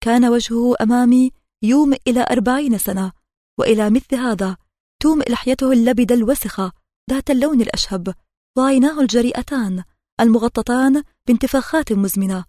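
A woman narrating an audiobook in a measured, steady reading voice. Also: a little high, no room sound, studio quality.

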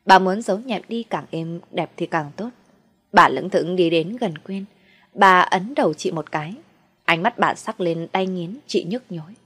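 Low-voiced woman narrating a ghost story. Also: unhurried, breathy edge. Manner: steady, dramatic reading.

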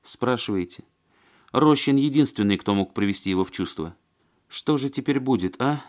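A man's voice: medium pitch, lively intonation, normal speed, voice pushed up, lightly acted. A man reading an audiobook and voicing a fussy, flustered woman who chatters and complains in a plaintive, agitated way. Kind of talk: audiobook character voice.

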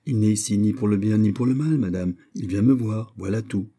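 A man voicing a proud, sharp-tongued young lady-in-waiting who answers back firmly in a storybook reading. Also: lowish voice, fairly quick. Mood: defiant. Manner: firm, retorting.

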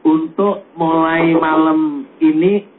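A man, an Islamic preacher, giving gentle advice to a caller on a radio call-in, sometimes joking lightly. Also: fairly high pitch, fairly even intonation, takes it slowly, crowd noise. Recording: tinny lo-fi radio broadcast.

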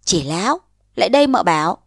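A woman voicing a young widowed mother in a read-aloud story, brisk and chiding in tone. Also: mid-range voice, sing-song, vocal fry, no room sound, clean studio sound. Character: young widowed mother, scolding yet tender.

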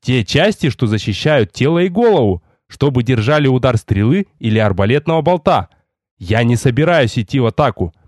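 A man's voice: mid-range voice, expressive, fairly quick, a little mellow, no echo, studio quality, close to an everyday voice. A man voicing a stern young male lord and mage who gives curt orders.

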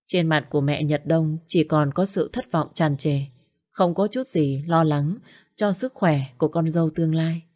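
A woman's voice: low voice, normal speed, mellow. A woman reading a dramatic family story aloud, voicing every character herself. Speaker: audiobook narrator. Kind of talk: scripted story narration.

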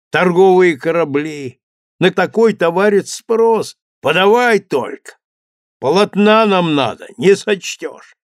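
A man's voice: fairly high pitch, no echo, clean studio sound, pitched above the performer's own voice. A man voicing a shrewd, greedy old male official who bargains hard, in an audiobook. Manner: wily, bargaining. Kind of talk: audiobook character reading.

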